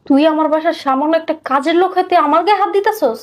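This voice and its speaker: A haughty rich housewife, acted by a woman,. She scolds with open contempt, and her voice is high. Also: rapid-fire, close to an everyday voice. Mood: outraged. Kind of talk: social media skit acting.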